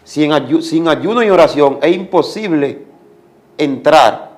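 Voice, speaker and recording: A man's voice: a little high, lively intonation, slow pace. A man giving a religious testimony as a guest, speaking like a preacher and repeating commands for emphasis.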